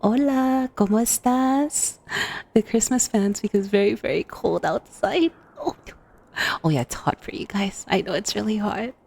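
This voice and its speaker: A woman VTuber chatting casually with her livestream in an expressive, informal way, close to a USB microphone. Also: mid-range voice, measured pace, creaky. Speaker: VTuber streamer.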